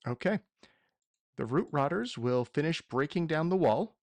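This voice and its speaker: A man's voice: on the high side, expressive, moderate pace, darkish tone, dry recording. A man running a tabletop roleplaying game as game master, explaining rules and narrating what happens.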